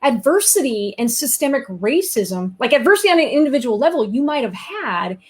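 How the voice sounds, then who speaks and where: A woman hosting a casual live-stream conversation, animated and enthusiastic, with quick asides. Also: sits high, breathy edge. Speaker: host.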